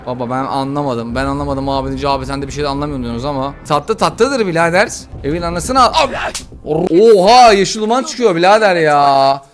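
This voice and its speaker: A man giving excitable, slangy let's-play commentary while playing a game, often frustrated. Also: a little high, a little fast, faint music behind. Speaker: gaming YouTuber.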